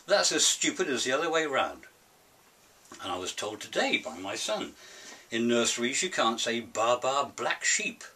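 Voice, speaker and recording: A man's voice: mid-range voice, sharp tone. An older British man giving an opinionated monologue in a grumpy, grumbling manner, emphatic and full of rhetorical questions. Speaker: presenter of his own opinion series. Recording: hissy, distant microphone.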